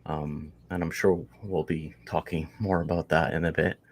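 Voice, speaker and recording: A Canadian man in his forties speaks as a podcast guest, his voice sitting very low. He rambles casually, circling back with fillers and restarts as he tells his story. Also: steady tone, moderate pace, slightly rough. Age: 40s. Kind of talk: casual interview chat.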